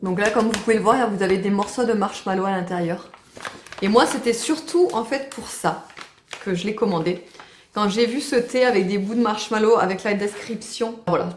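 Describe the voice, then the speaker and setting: A woman's voice: mid-range voice, normal speed, echoey room, slight background noise. A woman chatting casually to the camera in a home vlog, full of fillers and restarts. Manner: chatty, many fillers and restarts, fond baby talk to pets and baby. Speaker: family vlogger.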